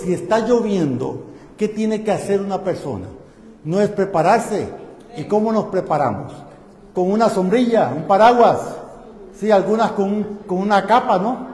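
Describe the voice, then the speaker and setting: A man's voice: sits high, darkish tone. A man preaching a sermon, putting rhetorical questions to his congregation. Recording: echoey hall.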